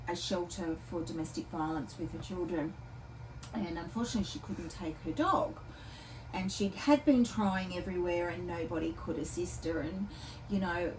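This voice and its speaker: A chatty Australian woman talks through a casual weekly shelter update, rambling along with ums and restarts. She sits some way off from the camera, so her voice sounds a little distant. A faint hum of background ambience runs underneath. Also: fairly low pitch. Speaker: animal shelter worker.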